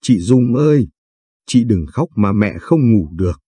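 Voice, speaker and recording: A man voicing a small, innocent little sister who chats without grasping the loss, in a husky read. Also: fairly low pitch, animated, unhurried, warm tone, no room sound. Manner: innocent, chirpy.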